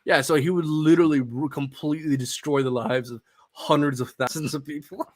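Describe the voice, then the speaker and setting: A man's voice: fairly high pitch, fairly even intonation, a little fast, dry recording, studio quality. Laid-back young man talking crypto. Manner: swears freely, laughs often. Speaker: crypto podcast guest. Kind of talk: casual chat.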